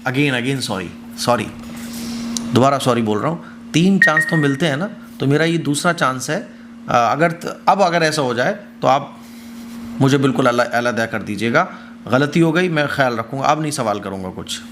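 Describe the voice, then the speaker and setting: A man's voice: medium pitch, expressive, noisy background, close to an everyday voice. A man voicing the prophet Moses as a contrite grown man pleading for forgiveness in an informal, apologetic way.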